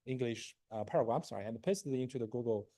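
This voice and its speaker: A native Chinese speaker in his forties gives a university lecture on machine learning, speaking haltingly with plenty of fillers, a constant "right?", and frequent throat clearing. His mid-range voice has a dark tone, with no echo.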